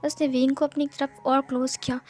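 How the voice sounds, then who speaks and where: High-voiced woman narrating a story. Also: level tone, a little fast, darkish tone, faint music behind. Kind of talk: reading a fan-fiction romance aloud.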